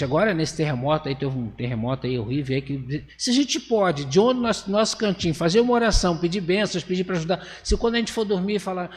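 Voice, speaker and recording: A Brazilian man giving a spiritist lecture in a conversational way, asking the audience rhetorical questions and acting out little scenes. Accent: Brazilian Portuguese. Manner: acts out voices and lowers his voice for effect. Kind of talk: religious lecture. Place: lecture hall. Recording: long hall reverb.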